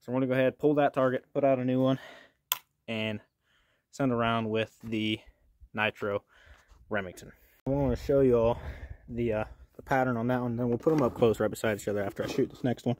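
A man's voice: mid-range voice, fairly even intonation, a little fast, pauses often, a little mellow. Folksy man vlogging outdoors. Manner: folksy, plainspoken, talks to viewers as he works. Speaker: outdoors channel host. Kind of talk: casual outdoor gear-testing vlog. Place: outdoors at a shooting range.

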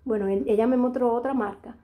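Speaking quickly in a mellow, steady, higher-pitched voice, this middle-aged Dominican-accented woman rambles to her vlog audience. She talks casually to camera and frequently starts her sentences over.

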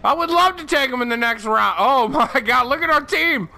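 A man giving profane, excitable gameplay commentary, shouting at the game and laughing often. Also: very high-pitched, normal speed, vocal fry. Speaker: gaming channel host.

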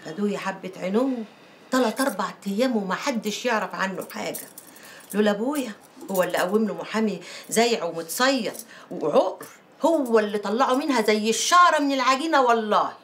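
A woman's voice: medium pitch, animated, quick pace, fairly bright tone, slight background noise, close to an everyday voice. An actress playing a worried, indignant Egyptian mother in a film drama. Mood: fretful. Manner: fretful, indignant.

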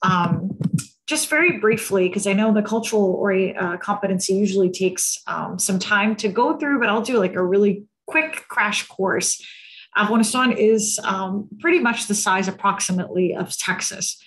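A woman's voice: mid-range voice, moderate pace, poor audio. A woman in her thirties from the United States, speaking earnestly over a video-call headset and often checking in with "right?". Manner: earnest, frequent tag "right?" and "um". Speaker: guest speaker on cultural competence.

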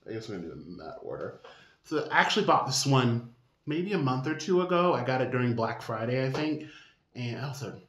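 A man giving a casual makeup product review, chatty and candid with sassy asides. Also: medium pitch. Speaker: makeup vlogger. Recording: roomy echo.

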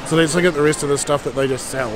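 A middle-aged Danish man races through a rambling shopping vlog in a fairly high voice, holding the camera at arm's length. He chats about prices in a large, busy warehouse store, and loud crowd noise fills the recording.

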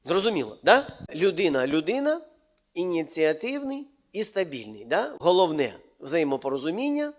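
A man's voice: a little high, very animated, moderate pace. A man teaching a church leadership course in an informal, conversational way. He uses many fillers and keeps checking with his listeners. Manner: mixes in Russian words while speaking.

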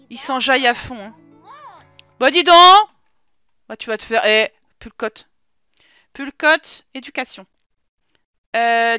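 A woman's voice: high voice, bright, forceful tone, clear, resonant tone, no echo. A young woman casually commenting while she streams a life-sim game, chatty and scolding her game characters in mock outrage.

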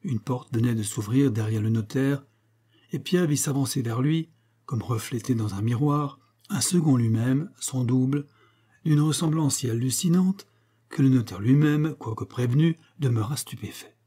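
A man narrating a detective story as an audiobook reader, measured and even. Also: mid-range voice, husky.

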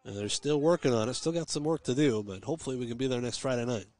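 A man calling live high school baseball on the radio from a ballpark press box, giving steady pitch-by-pitch calls with chatty, folksy asides. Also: fast, no room sound. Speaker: play-by-play radio announcer. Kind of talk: live radio sports commentary.

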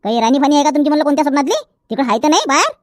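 A woman's voice: high-pitched, lively intonation, rapid-fire, no room sound, studio quality. A woman playing a nagging, teasing village wife in a comedy skit.

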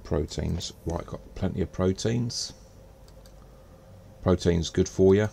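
A man's voice: low voice, slow pace, vocal fry, warm tone, a little hiss or hum. A man streaming a space game, chatting casually as he plays and muttering to himself. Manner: muttering to himself while playing. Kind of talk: casual gameplay commentary.

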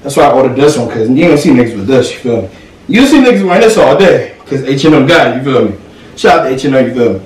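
A man's voice: medium pitch, very fast, darkish tone, recorded from a distance. A young man hosting a casual haul vlog from his room, laid-back and slangy, always asking if you feel him. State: out of breath. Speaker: vlogger. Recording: echoey room, off-mic, faint hiss.

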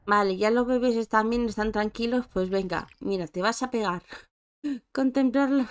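A woman's voice: mid-range voice, steady tone, a little fast, smooth. A woman giving casual, chatty commentary while playing a life-simulation game and talking to her characters. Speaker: gameplay streamer. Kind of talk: casual let's-play commentary.

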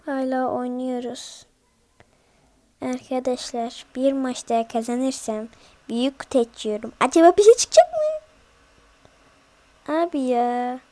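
Excitable high-voiced woman yelping over gameplay. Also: unhurried, pauses often. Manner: excitable, yelps and pleads at the game, repeats words in bursts; chatty asides to viewers. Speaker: mobile game streamer. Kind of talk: live gameplay commentary.

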